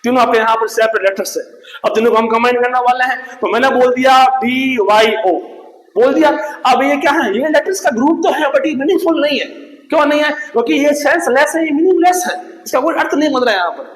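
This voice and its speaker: A man with a strikingly high voice teaches a grammar lesson. He keeps asking questions and answering them himself, repeating each key term. The sound bounces around an echoey room. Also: quick pace. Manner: asks and answers his own questions, repeats key terms. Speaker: English teacher. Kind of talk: classroom lecture in Hindi.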